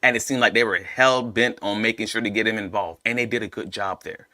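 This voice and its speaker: A man's voice: lowish voice, fairly even intonation, fairly quick, sharp tone, no echo, studio quality. A young man co-hosting a casual sports podcast, ranting animatedly and arguing back and forth with himself. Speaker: podcast co-host.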